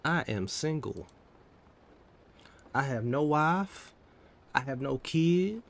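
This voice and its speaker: A gravelly, medium-pitched man in his thirties takes his time while livestreaming his coding session. He mutters half-formed phrases in a casual chat, with steady background noise throughout.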